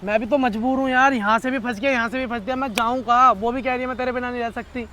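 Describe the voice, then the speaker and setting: A man's voice: extremely high pitch, fairly even intonation, sharp tone, slight background noise. A young man in a casual prank vlog, arguing with his girlfriend in a teasing, pleading way. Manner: teasing, pleading, talks fast in Hindi slang.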